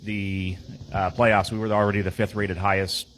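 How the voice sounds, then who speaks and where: This rough recording, with a touch of background noise, catches a podcast team player going over his squad's game, rambling with plenty of fillers and false starts. He speaks at a moderate pace in a lowish, fairly bright voice that barely shifts in pitch.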